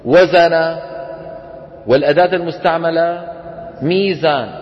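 A man with a Levantine Arabic accent teaching a class, often stopping to quiz his students. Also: a little high. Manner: quizzes students with frequent questions. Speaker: Quran recitation teacher. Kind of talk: classroom lesson. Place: lecture room with students. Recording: dull lo-fi recording in a reverberant hall.

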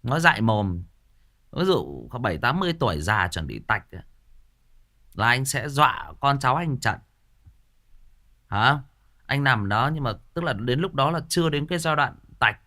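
A man's voice: medium pitch, sing-song, normal speed, long pauses, pushed and bright. A man, hosting a ghost story channel in a casual livestream chat. He talks in a playful, joking way and often repeats words while searching for the next one.

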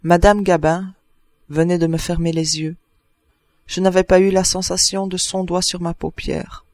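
A man reading a novel aloud as an audiobook narrator, in a measured storytelling manner. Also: sits high, level tone, a little mellow, dry recording, studio quality. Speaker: audiobook reader. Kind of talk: literary narration.

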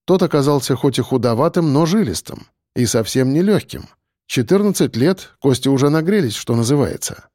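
A man narrating an audiobook in a steady storytelling manner. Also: medium pitch, normal speed, dry recording, studio quality. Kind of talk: scripted narration.

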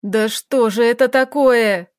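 A woman's voice: on the high side, a little slow, no echo, studio quality, lightly acted. Anxious, pleading young man, read by a woman narrator. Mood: anxious desperate. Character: frightened young man, desperate boyfriend.

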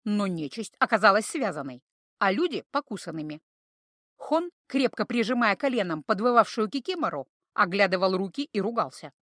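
A woman narrating a fairy-tale audiobook with expressive, animated reading. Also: mid-range voice, normal speed, no room sound, clean studio sound. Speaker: audiobook reader.

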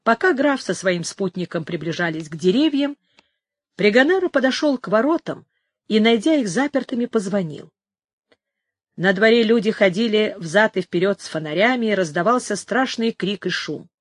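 In a mid-range voice, a woman reads an audiobook, keeping her storytelling steady and measured. The recording has no room sound.

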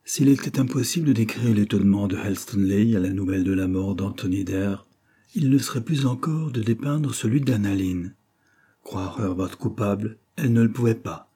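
Male audiobook narrator, measured, dark mellow voice, husky. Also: lowish voice. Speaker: audiobook reader. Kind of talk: reading a novel aloud.

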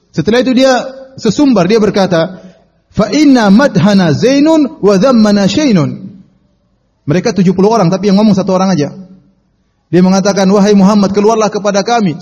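Lively male preacher in a reverberant hall. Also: sits high. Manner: lively storytelling, shouts quoted lines. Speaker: Islamic preacher. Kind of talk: Quran study lecture. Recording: dull audio with long reverb.

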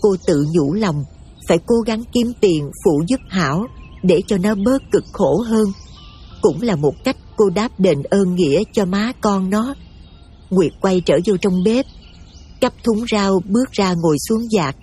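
A woman giving steady, emotive scripted story narration over faint music. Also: medium pitch, unhurried, husky.

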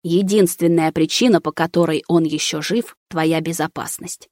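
A woman's voice: deep voice, fairly even intonation, moderate pace, darkish tone, no echo, clean studio sound, lightly acted. A woman voicing a cold, menacing ancient male being who speaks in clipped, commanding phrases.

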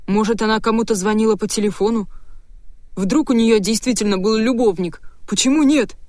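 A woman reading an audiobook, voicing a nervous middle-aged husband who keeps breaking into agitated, shrill outbursts. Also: a little fast, darkish tone, no echo, clean studio sound, natural voice. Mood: hysterical.

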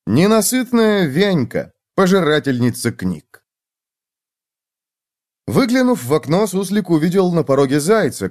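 A man narrating a children's audiobook story with expressive storytelling. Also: mid-range voice.

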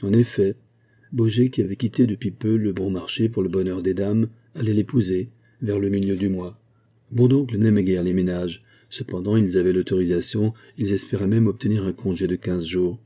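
A man reading a classic novel as an audiobook, in a measured, steady narration. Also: sits low.

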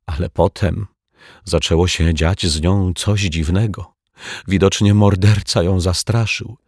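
A man voicing a tearful little girl who sniffles and speaks in a high, plaintive way. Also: fairly even intonation, unhurried, darkish tone, husky, dry recording, clean studio sound, full character voice. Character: weepy little girl mourning her caterpillar.

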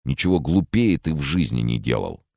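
A man voicing a cold, detached young man who speaks flatly and with contempt, in an audiobook. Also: extremely low pitch, moderate pace, gravelly, no room sound, studio quality, exaggerated voice. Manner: flat, contemptuous.

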